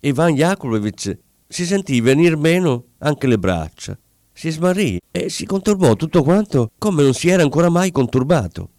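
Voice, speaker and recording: A man reading a story aloud as scripted narration, telling it in an expressive and dramatic way with pauses. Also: on the high side, no echo, studio quality. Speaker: audiobook narrator.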